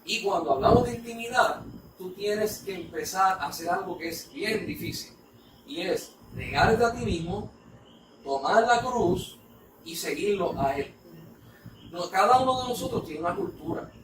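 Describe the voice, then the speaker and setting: High-voiced Puerto Rican man preaching. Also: lively intonation, moderate pace. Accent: Puerto Rican Spanish. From Puerto Rico. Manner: preaching, emphatic. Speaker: ministry speaker. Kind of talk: church talk conversation. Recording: echoey room, mic far off, noisy.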